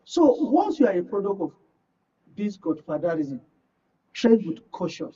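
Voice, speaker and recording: Emphatic and prone to repeating phrases for effect, a Nigerian guest commentator weighs in during a live current affairs discussion. He speaks unhurriedly in a high-pitched, sing-song, husky voice with a dark tone, and the audio is muffled and distant.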